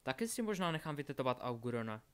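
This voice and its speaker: A man's voice: medium pitch, sing-song, smooth, natural voice. A man reading an audiobook, voicing an eager, impulsive teenage boy wizard. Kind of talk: audiobook character voice.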